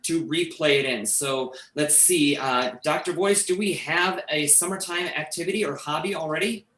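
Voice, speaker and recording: A man's voice: on the high side, moderate pace, pushed and bright, echoey room. Upbeat male improv referee. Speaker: referee and host of the improv match. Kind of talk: live-streamed game hosting.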